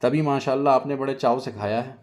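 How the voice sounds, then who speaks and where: Man doing a sharp-tongued hostess wife. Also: mid-range voice, a little fast, pitched above the performer's own voice, lightly acted. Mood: cutting. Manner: dry, cutting replies.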